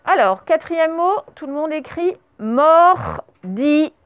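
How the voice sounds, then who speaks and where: A woman's voice: sits high, animated, a little slow, no echo. A woman primary school teacher giving a spelling dictation, drawing out each syllable and spelling the letters aloud through a face mask. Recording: narrow phone-like sound. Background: traffic noise through open doors.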